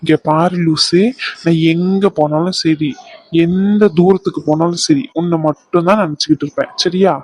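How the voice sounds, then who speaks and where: A woman's voice: fairly low pitch, steady tone, moderate pace, darkish tone, no room sound, close to an everyday voice, low-quality recording. A woman voicing a young man, an anxious but tender fiancé who soothes and teases his bride-to-be in a dubbed scene. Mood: tender, teasing. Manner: soothing, teasing, pleading. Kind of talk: fan dub of a serial scene.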